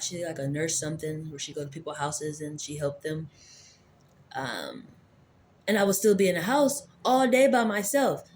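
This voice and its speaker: A woman's voice: fairly low pitch, a little mellow, a little hiss or hum. A woman telling a personal story in a casual, rambling monologue, candid and full of swearing. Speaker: vlogger.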